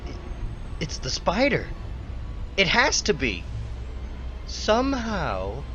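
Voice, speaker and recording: A man's voice: sits high, fairly bright tone, dull audio. Man acting a melodramatic, earnest teenage boy, hammy. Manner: melodramatic, breathless wonder and halting stammers. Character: earnest bookish teenage boy, wounded, then awestruck by new powers. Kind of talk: hammy dramatic comic-book reading. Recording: music bed behind the voice.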